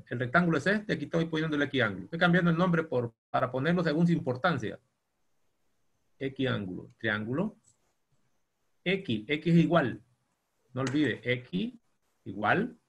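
Husky man dictating a geometry lecture. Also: fairly high pitch, fairly bright tone, muffled recording. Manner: dictates slowly, spelling out terms. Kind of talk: university class lecture. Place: classroom.

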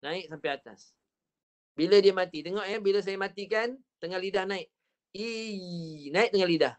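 A man with a Malaysian Malay accent teaching Quran recitation in an online class, patiently modelling each sound slowly and repeating it. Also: sits high. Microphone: online video call.

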